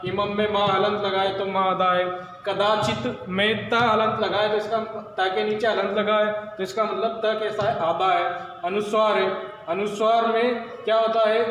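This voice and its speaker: A man with a fairly high voice teaches at a blackboard, pausing to ask his class questions and then answer them himself. The room is strongly echoey, with a long reverb tail and faint background noise. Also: a bit bright. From India. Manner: explains slowly, asking and answering his own questions. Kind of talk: blackboard lesson.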